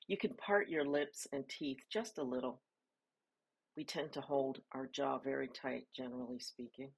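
A woman's rumbling low voice, husky and touched with vocal fry, guides a body scan meditation. She delivers soft, calm instructions with pauses between phrases.

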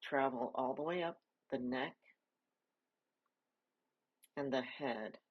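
A woman leading a guided body scan meditation, giving soft, calm instructions with pauses between phrases. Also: very deep voice, husky, lo-fi sound.

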